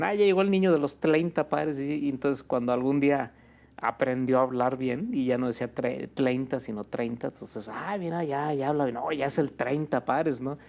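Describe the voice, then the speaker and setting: A man with a Mexican accent, a guest on an interview show, telling a family story in a relaxed way, with many fillers like "este" and "pues". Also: medium pitch, creaky. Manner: relaxed, fills with "este" and "pues", ends phrases with "¿no?". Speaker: guest, birria restaurant owner.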